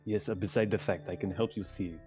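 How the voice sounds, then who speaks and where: A man, the game master, voicing a parasitic talking book with a deep, layered demonic voice and a husky, grave manner. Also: steady tone, fairly quick, mellow, faint music behind. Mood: calm, imposing. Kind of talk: voicing a figure in a tabletop game.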